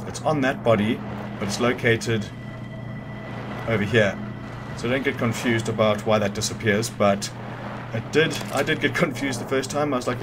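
Over a noisy background of video game music and sounds, a man with a mid-range voice hosts a game guide, offering loose walkthrough commentary, reasoning aloud and correcting himself.

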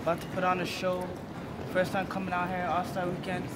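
A man's voice: high-pitched, monotone, fairly quick, heavy background noise. A young man from Canada talking casually in a vlog, hyped and swearing freely. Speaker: vlogger and basketball player.

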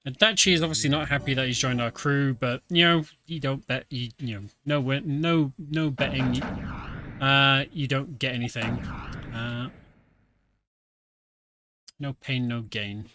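In a mid-range, steady voice, a British streamer talks at a measured pace with frequent pauses, giving casual let's-play commentary that explains the video game through plenty of fillers. There's background noise, and the game music is clearly heard underneath.

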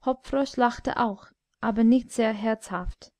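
A woman narrating a classic tale in a measured, solemn audiobook reading. Her voice sits fairly high and she takes a slow, careful pace. The recording is dry and close, with no room sound. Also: darkish tone, no room sound. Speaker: audiobook reader. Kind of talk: scripted literary narration.

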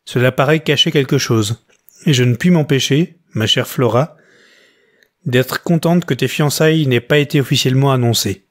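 A man's voice: mid-range voice, moderate pace, close to an everyday voice. A man voicing an older widowed mother who whines and turns tearful. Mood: whining. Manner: whining, tearful. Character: older widowed mother, whining, self-pitying.

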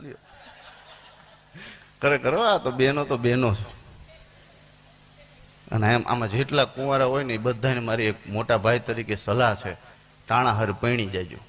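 A man, telling stand-up comedy stories to a live audience and jumping into high squeaky voices for his characters. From Gujarat, India. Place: stage before a live audience.

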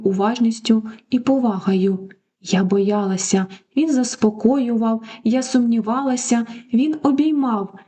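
Mellow, high-voiced woman narrating sorrowfully. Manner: slow, sorrowful and intimate. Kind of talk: scripted first-person life story narration.

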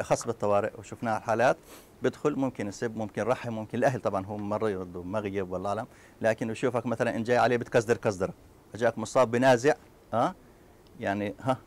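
Fast-talking Palestinian man lecturing. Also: mid-range voice. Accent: Palestinian Arabic. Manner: lively, talks to students with quick asides and mock scenes. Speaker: university lecturer. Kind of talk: classroom lecture.

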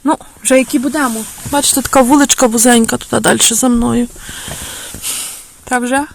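A chatty woman who vlogs about a village speaks fairly quickly in a fairly high, creaky voice with a steady tone. In this casual travel vlog, filmed in a car and outdoors in the village, she often talks to viewers as if they were friends.

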